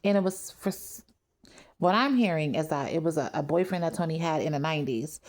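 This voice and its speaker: A woman's voice: sits low, brisk. A woman giving blunt, candid opinions on reality TV in a casual vlog. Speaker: reality TV commentator.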